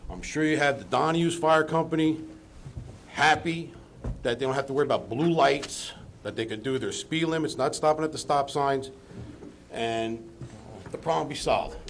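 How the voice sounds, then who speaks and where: A man's voice: medium pitch, normal speed. A man speaking as a resident at a town council meeting, rambling and colloquial as he argues about local traffic. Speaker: resident speaking at public comment. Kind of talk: public meeting comment.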